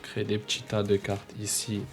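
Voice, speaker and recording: A man's voice: on the low side, completely flat delivery, normal speed, music in the background. A man with a French accent chatting casually to viewers while opening trading card packs. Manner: chatty, addresses viewers as "les gars", reads card names in bursts.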